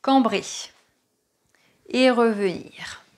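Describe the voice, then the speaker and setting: A woman's voice: a little high, drawn-out words. A woman with a French accent teaching an online dance class, calling out moves and counting the rhythm.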